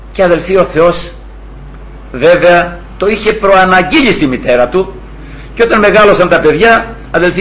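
A man in his sixties preaching a fervent sermon, retelling scripture and stories and calling out to his brothers. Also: high voice. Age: 60s. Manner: fervent, storytelling, often addressing brothers. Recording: dull lo-fi recording.

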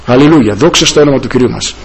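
A man's voice: gravelly, a little hiss or hum, rough recording. A man preaching a sermon with passion, breaking into hallelujahs. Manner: impassioned, rising and falling pitch, many hallelujahs.

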